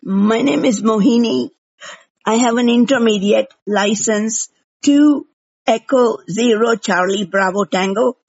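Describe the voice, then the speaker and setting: Brief: woman caller on a landline, higher voice, halting and careful, muffled lo-fi line. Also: gravelly, a little mellow, breathy edge. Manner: hesitant, halting, spells out call signs. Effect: heard over a landline phone. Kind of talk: voicemail message.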